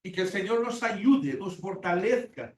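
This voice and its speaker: A man's voice: high-pitched, animated, a little slow, darkish tone. Emphatic older man preaching, echoey room. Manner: emphatic, repeats words, acts out quoted prayers. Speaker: Bible teacher. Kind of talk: sermon-style Bible class. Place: church classroom. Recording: echoey room from far off with faint hiss.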